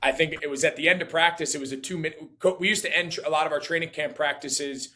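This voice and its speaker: A man's voice: a little high, fast talker, a little hiss or hum. A man in his forties, a former player guest, talking casually with lots of fillers and restarts. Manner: relaxed, full of fillers and restarts. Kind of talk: casual conversation.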